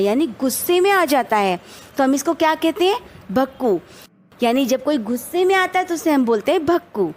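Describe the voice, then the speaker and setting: A woman teacher explaining a children's poem to young pupils, going over word meanings and asking viewers to answer questions in the comments. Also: high voice.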